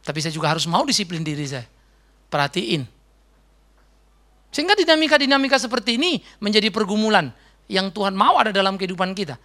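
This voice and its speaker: A middle-aged man preaching a sermon as a pastor, in a conversational, animated way. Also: sits high, fast, pauses often. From Indonesia. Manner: conversational, animated storytelling with mimicked voices.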